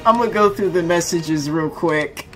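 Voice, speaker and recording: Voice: medium pitch, normal speed, a bit bright, faint music behind. A young adult gaming streamer reading chat messages aloud in casual, slangy commentary, often breaking into laughter.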